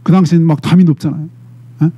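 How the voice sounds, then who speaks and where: Male pastor, middle-aged, dramatic sermon delivery with a high, dark-toned voice. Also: fast talker, husky. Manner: animated, dramatic retelling with frequent "eh?" prompts to the congregation.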